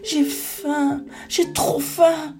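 A storyteller voicing a high, pleading little salamander. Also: flat delivery, drawn-out words, darkish tone, heavily acted. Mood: desperate. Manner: pleading, polite. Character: small hungry pleading salamander.

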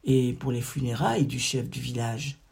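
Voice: medium pitch, normal speed, vocal fry, slight background noise. A storyteller narrating a fable in scripted storybook style. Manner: expressive, fable-telling.

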